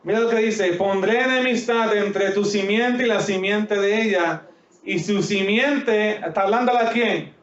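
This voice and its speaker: A male pastor with a Puerto Rican accent preaching a sermon, booming in one phrase and dropping to quiet asides in the next, stretching out the scripture he reads. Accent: Puerto Rican Spanish. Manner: drawn-out emphatic scripture reading. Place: church sanctuary. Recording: roomy, distant, dull church audio.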